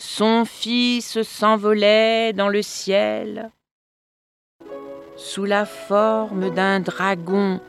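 Brief: woman narrator, fairly high voice, unhurried and expressive, faint music under her. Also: gravelly. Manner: slow expressive reading, addresses listeners. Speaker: storyteller. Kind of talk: scripted narration of a folk tale.

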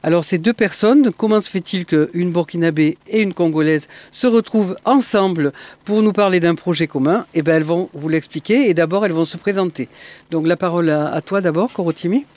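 A woman's voice: on the low side, fairly quick, darkish tone, no echo. A woman hosting a radio interview in a studio, speaking hesitantly with many fillers. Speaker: radio host.

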